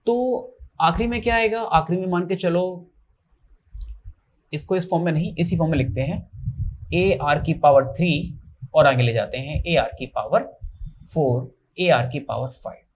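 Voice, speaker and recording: A man's voice: a little high, normal speed, long pauses. A man teaching maths step by step in a classroom lecture, posing questions and answering them himself. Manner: explains step by step, asks and answers his own questions.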